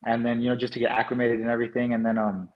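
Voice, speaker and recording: A man's voice: mid-range voice, completely flat delivery, rapid-fire, dull audio. A man from New Mexico with an American accent, chatting casually as an interview guest in laid-back, slangy phrasing. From New Mexico, United States.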